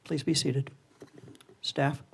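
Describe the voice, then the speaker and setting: A man presiding as a judge, giving brisk formal instructions, heard on a courtroom recording from a distant microphone. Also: on the high side, little pitch movement, creaky, slight background noise. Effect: courtroom recording, speaker off-mic.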